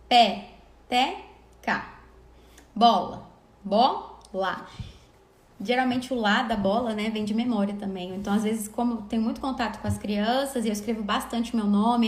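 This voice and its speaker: A woman with a fairly high voice teaches literacy in a live online lesson. She explains patiently and stretches words out syllable by syllable. The room around her sounds echoey.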